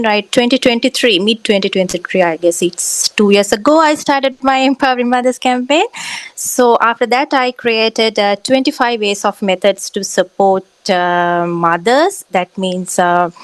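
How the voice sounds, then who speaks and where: A woman, a pageant guest on a podcast, speaking earnestly and haltingly with frequent fillers. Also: medium pitch, no room sound. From Sri Lanka. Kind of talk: podcast interview.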